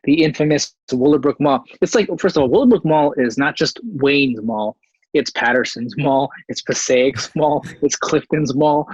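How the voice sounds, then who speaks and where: Husky-voiced man on slightly muffled audio. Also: medium pitch, normal speed, no echo. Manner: easygoing, supportive, chatty with "man". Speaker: podcast co-host. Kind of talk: casual conversation.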